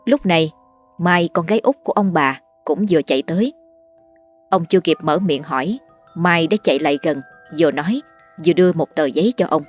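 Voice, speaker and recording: A woman hosts a late-night ghost story hour and narrates politely and steadily. Her voice sits on the low side. Soft music plays faintly underneath. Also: lively intonation, brisk. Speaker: storyteller host. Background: faint background music.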